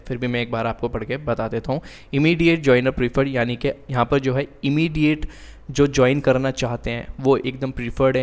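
A man walking viewers through an online job listing. He reads the English lines slowly and then explains them in Hindi mixed with English, using lots of fillers and calling the viewers "guys". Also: mid-range voice. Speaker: job vacancy YouTuber. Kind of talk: screen-share walkthrough explainer.

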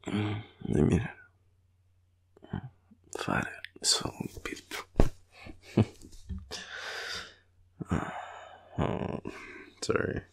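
Extremely slow and broken by long pauses, his fairly low, husky, creaky voice swings widely in pitch. He is a tired Australian performer voicing a clingy, teasing boyfriend in an intimate roleplay, rambling and murmuring drowsily, frequently half-whispering.

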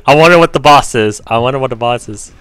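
A man hosting a co-op video game, yelling frantic commentary and repeating himself. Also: medium pitch, fast, smooth. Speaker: gaming host. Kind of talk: excited gameplay commentary.

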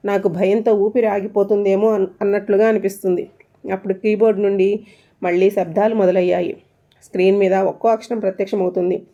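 A woman narrating a scripted ghost story in steady, suspenseful storytelling. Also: medium pitch, brisk, muffled recording.

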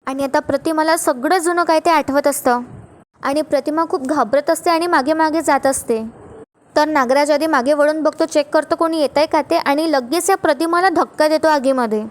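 A woman retelling a TV serial episode, narrating the scenes and speaking each character's lines herself. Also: sits high.

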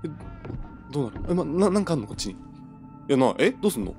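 A young man talks himself through a horror game in a slightly high voice that leaps wildly in pitch. He is jumpy and stammers when startled. Faint game music plays underneath. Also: big pitch swings, fast talker, darkish tone. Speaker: gamer playing a horror game. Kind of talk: let's play commentary.

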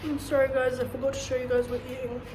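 A young woman vlogger talks very fast in a high, level voice over loud music, sounding out of breath and stuffy-nosed. She rambles casually and pokes fun at herself while speaking to her phone camera, propped nearby, in a small kitchen and a bare room with an echo.

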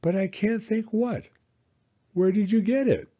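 A man voicing a humble, dreamy teddy bear in a children's storybook, slow, earnest and plaintive. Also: high voice, warm tone, lo-fi sound, voice pushed up. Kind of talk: children's storybook character reading.

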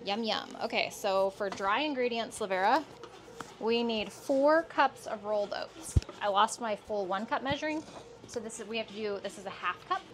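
A woman's voice: medium pitch, expressive, moderate pace, a bit bright. A woman in her thirties chatting casually for her vlog, upbeat and coaxing, first in a car and then in a boat galley. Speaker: sailing vlogger. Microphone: clip-on lapel mic.

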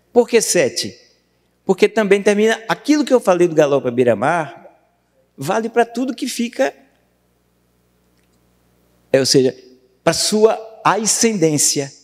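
Lively Brazilian man lecturing in a hall. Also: high-pitched. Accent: Brazilian Portuguese. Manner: questions the audience, recites verse slowly. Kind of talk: university lecture on poetry. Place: university auditorium. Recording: long hall reverb.

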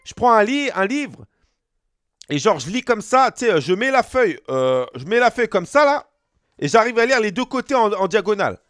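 A man's voice: high-pitched, big pitch swings, normal speed, fairly bright tone, clean tone, dry recording. A young man, a gaming streamer, spinning a rambling tall tale with slang and mouth sound effects into a close desk mic. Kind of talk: rambling tall tale during a game pack opening.

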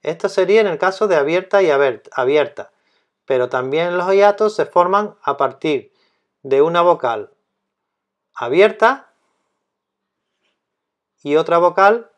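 A man explaining a grammar lesson as a teacher, speaking slowly and deliberately and repeating key terms. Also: on the high side, lively intonation.

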